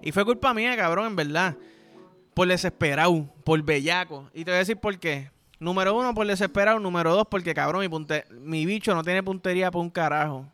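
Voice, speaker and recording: A man's voice: high-pitched, fairly quick, no echo, soft background music. A Puerto Rican man hosting a podcast, telling crude comic stories full of swearing and mouth sound effects. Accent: Puerto Rican Spanish. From Puerto Rico. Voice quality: profane, animated storytelling with sound effects. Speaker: podcast host. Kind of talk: crude comedic monologue.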